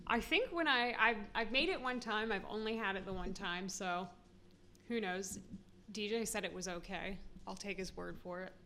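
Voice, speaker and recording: A woman's voice: mid-range voice, normal speed, bright, forceful tone, slight background noise. Giggly American woman vlogging. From United States. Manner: chatty, giggly, self-deprecating. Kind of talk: casual talk to camera.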